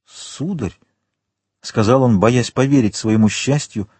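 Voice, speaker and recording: A man narrating a children's audiobook with an expressive reading style. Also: on the low side, moderate pace, husky, dry recording. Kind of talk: scripted storybook narration.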